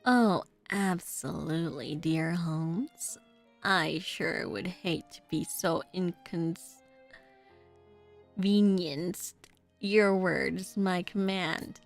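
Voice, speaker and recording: A woman's voice: fairly low pitch, extremely slow, creaky, faint music behind, heavily acted. A woman voicing a mischievous, morbid male detective from a video game, with a theatrical, teasing cadence. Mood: mocking. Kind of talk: dramatic dub-like reading of game dialogue.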